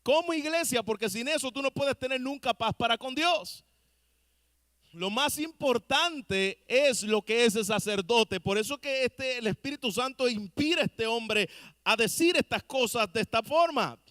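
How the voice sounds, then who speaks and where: Man, pastor, sermon in church, unhurried delivery, dry sound, rhetorical questions. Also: extremely high pitch, expressive, bright, forceful tone, no room sound. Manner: asks the congregation rhetorical questions; addresses listeners directly and earnestly. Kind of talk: preaching a sermon.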